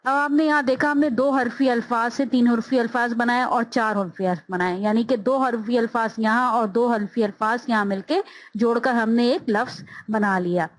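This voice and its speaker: A woman teacher giving a spelling lesson, sounding out letters and words one by one in a slow, drawn-out way. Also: on the high side, steady tone, no echo, low-quality recording.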